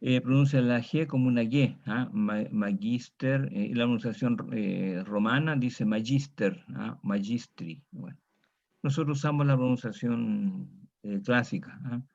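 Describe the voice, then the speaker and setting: A man teaches a Latin grammar lesson in a patient, steady way, walking students through each case and checking they follow. His voice sits at a middling pitch. The recording sounds dull and lo-fi. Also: moderate pace, creaky. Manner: patient, drills students on declensions, frequent "¿ah?".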